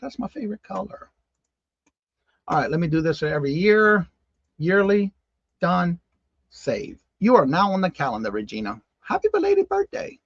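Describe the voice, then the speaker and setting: A man's voice: sits high, big pitch swings, normal speed, gravelly, long pauses, husky, no room sound, muffled recording. A man in his fifties hosting a casual live-stream morning show, chatting with viewers by name and exclaiming in disbelief. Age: 50s. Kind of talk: casual live-stream chat reading comments.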